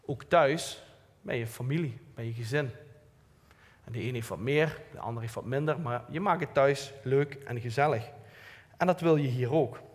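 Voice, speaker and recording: Husky and medium-pitched at a moderate pace, this lay preacher with a Limburg Dutch accent gives a plain-spoken, earnest and informal church talk with light self-mocking asides. The church hall adds a long reverb.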